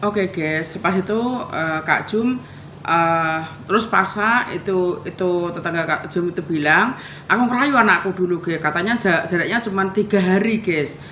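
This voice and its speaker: In a fairly low, fairly bright voice, a middle-aged woman from Java, Indonesia, unhurriedly tells viewers her life story. The recording is reverberant with a bit of hiss or hum, and her retelling is conversational and emotional, peppered with frequent "guys."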